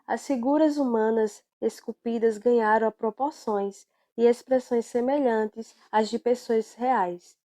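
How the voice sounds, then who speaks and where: A woman reading an art lesson in a steady way. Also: on the high side.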